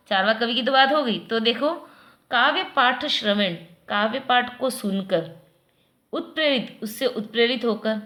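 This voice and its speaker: A woman teacher explaining a Sanskrit text slowly, word by word, to children. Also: fairly high pitch, fairly bright tone. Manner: slow, patient word-by-word translation, addressing children. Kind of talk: Sanskrit lesson explained line by line.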